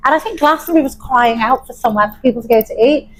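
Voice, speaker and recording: Young female chef from Wales, interviewee; enthusiastic, laughs a lot, slightly high-pitched. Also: rapid-fire, low-quality recording. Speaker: chef and pub owner. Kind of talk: interview conversation.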